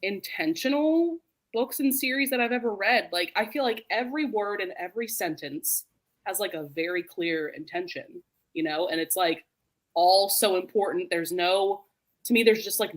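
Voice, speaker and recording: A woman with a lowish voice hosts a book readalong live show over a remote group video call. She's animated and informal, leaning heavily on "like" and laughing readily as she talks.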